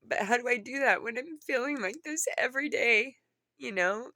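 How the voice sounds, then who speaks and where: A woman who sounds upset and tearful, as after crying, talking earnestly and haltingly in a personal confession to viewers, often repeating herself. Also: fairly high pitch, bright, forceful tone, no room sound. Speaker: vlogger.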